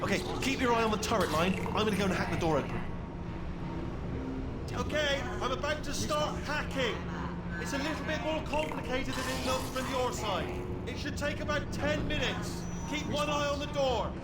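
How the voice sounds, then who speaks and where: A man voicing a nervous, chatty male robot sidekick who rambles, stammers and gets excitable. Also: extremely high pitch, normal speed, very noisy. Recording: echoey game audio with loud music.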